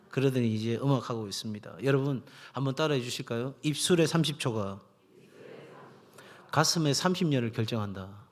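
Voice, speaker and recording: Middle-aged male pastor preaching. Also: medium pitch. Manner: storytelling, acts out voices in anecdotes. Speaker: senior pastor. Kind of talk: sermon. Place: church sanctuary. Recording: long hall reverb.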